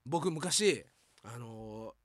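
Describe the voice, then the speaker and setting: A man with a Kansai Japanese accent and a mid-range voice speaks extremely slowly. On a comedy podcast he animatedly tells a funny story in casual chat, acting out quotes and laughing often.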